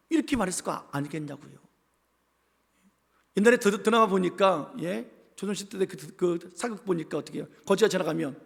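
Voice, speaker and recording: A man's voice: high voice, gravelly, a bit bright. A pastor from the capital region preaching a sermon with emphasis, leading the congregation in call-and-response and acting out the voices in his telling. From Seoul capital region. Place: church sanctuary, indoors. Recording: long reverb of a church sanctuary.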